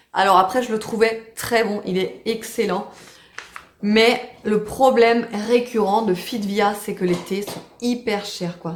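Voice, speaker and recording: A woman's voice: mid-range voice, echoey room, a little hiss or hum. A woman chatting casually to the camera in a home vlog, full of fillers and restarts. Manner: chatty, many fillers and restarts, fond baby talk to pets and baby. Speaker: family vlogger.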